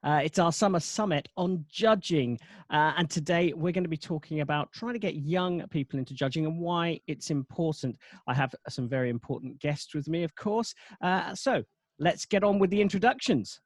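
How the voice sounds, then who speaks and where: A man's voice: on the high side, normal speed, no echo. A man hosting a roundtable over a video call, chatty, with many fillers and restarts. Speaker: host. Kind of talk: casual chat.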